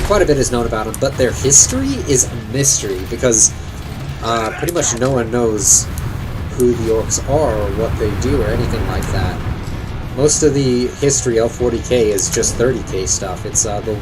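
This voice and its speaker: A man's voice: mid-range voice, animated, normal speed. A man streaming a video game, rambling casually about its lore and thinking aloud, now and then swearing. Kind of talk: casual gameplay commentary. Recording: streamed over game music.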